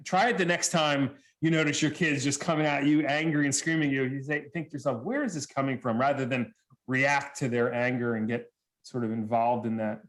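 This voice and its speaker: A man's voice: medium pitch, a little fast. A man giving a talk, telling stories with quoted dialogue and frequent laughter. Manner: animated storyteller, acts out quotes, laughs often. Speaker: speaker. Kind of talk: storytelling presentation.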